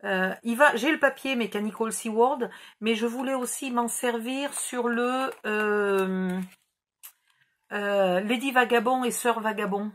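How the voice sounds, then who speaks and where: Speaking at a measured pace in a slightly high voice, a middle-aged woman talks casually through her scrapbooking haul. She's a YouTuber who rambles on and mocks herself when she loses track.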